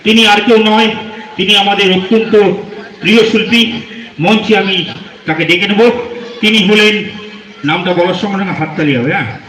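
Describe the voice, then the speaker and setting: A man hosts a live stage event, keeping the crowd going with playful teasing and banter between the acts. His voice sits high and bright. It rings out with a roomy echo from the venue. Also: steady tone, normal speed, long pauses. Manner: joking, teasing the audience. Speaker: stage show emcee. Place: live stage before an audience. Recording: echoey live venue sound.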